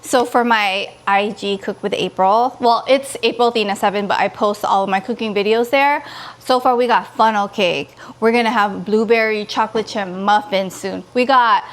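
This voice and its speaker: A woman from California in her thirties chatting casually to her vlog viewers in an expressive, gushing way. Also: medium pitch, normal speed. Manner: expressive, pleading and gushing, quotes others in dialogue. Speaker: vlogger.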